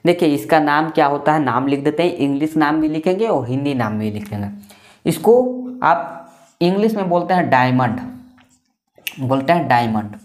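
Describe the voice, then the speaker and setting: A man's voice: a little high, expressive, moderate pace. A man explains a maths lesson in an easygoing classroom way. He repeats each point and keeps asking questions that he answers himself. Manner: repetitive, asks and answers own questions. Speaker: maths teacher.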